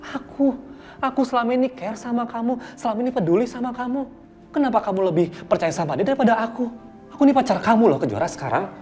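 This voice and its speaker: A man's voice: a little high, fast talker, mellow, soft background music, close to an everyday voice. An actor playing an evasive, stressed young man pleading with his girlfriend to stop asking in a TV drama. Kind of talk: TV soap drama acting.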